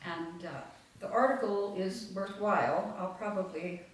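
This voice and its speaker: A woman's voice: mid-range voice, fairly even intonation, measured pace. A woman leading a full moon meditation group, talking reflectively to a live audience and meandering with many fillers. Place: meeting room with audience. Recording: echoey room, far from mic.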